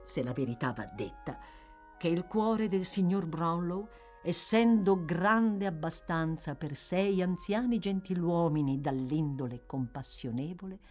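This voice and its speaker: A woman narrating a classic novel as an audiobook, in an expressive, measured reading. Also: on the low side, faint music behind. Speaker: audiobook reader.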